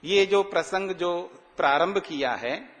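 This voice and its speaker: A man delivers a morning sermon in an ashram hall. His voice sits high, and his words ring out with a long echo. He keeps asking rhetorical questions and draws out sacred verses slowly for emphasis. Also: fairly bright tone. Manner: repetitive, rhetorical questions, slow emphatic recitation. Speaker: swami giving a morning discourse. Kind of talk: sermon explaining ritual mantras.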